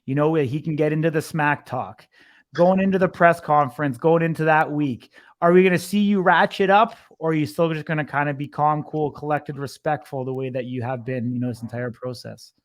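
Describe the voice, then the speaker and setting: A man's voice: fairly high pitch, fairly quick. A man working as an interviewer, asking long, rambling questions in a conversational sports interview style.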